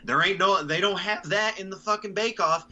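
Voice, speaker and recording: Bright-voiced man ranting casually. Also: high voice, normal speed, dull audio. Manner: animated, profane ranting. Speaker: podcast host. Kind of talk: casual chat.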